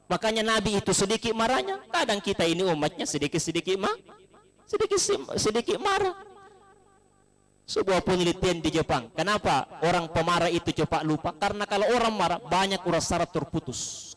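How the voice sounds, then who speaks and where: A high-voiced man preaches at a condolence gathering. He tells the sermon through jokes and stories and acts out the quotes. His pitch jumps up sharply for emphasis. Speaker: Islamic preacher. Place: live gathering in a home, broadcast on radio.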